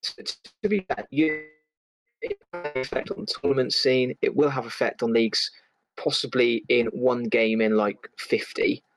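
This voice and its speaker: A man's voice: medium pitch, normal speed, soft background music. A man co-hosting a podcast over an online call, chiming in casually and agreeably. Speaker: podcast co-host. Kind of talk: casual chat.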